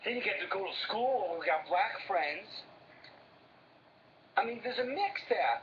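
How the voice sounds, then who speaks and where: A worried working-class brother from a film, speaking with a Brooklyn accent and tripping over repeated words. His voice sits fairly high for a man. The film audio is a little dull, with faint hiss underneath. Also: animated, measured pace. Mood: fretful. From Brooklyn, New York. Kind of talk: film dialogue.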